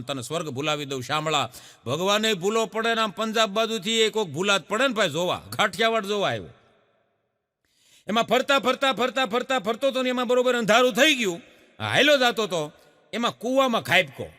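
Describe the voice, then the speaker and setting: A man's voice: high voice, in a large hall. A middle-aged man with a Kathiawadi Gujarati accent, telling folk jokes on stage and acting out every character's lines. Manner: animated storyteller who acts out characters' lines. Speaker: stand-up comedian telling jokes. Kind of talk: Gujarati folk joke telling to a live audience.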